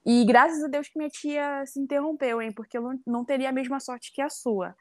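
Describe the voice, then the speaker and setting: A young woman from Rio with a Carioca accent, telling her story in a chatty, reflective way. Her voice sits high, and the recording is dry and close. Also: steady tone, a little fast, darkish tone, no echo. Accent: Carioca Brazilian Portuguese. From Rio de Janeiro, Brazil. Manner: chatty, reflective, frequent tag questions. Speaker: guest. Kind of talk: casual interview conversation.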